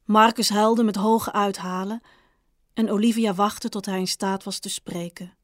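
A woman author reading her own short story aloud in a calm, measured, understated way. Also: mid-range voice, dry recording, clean studio sound. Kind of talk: audiobook narration.

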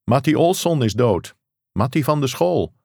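A man's voice: mid-range voice, big pitch swings, measured pace, vocal fry, a little mellow, dry recording, studio quality, pitched above the performer's own voice, heavily acted. A man voicing an urgent caller on a distant phone line, speaking in clipped, raised phrases, in an audiobook reading. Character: adult male caller from a remote outpost.

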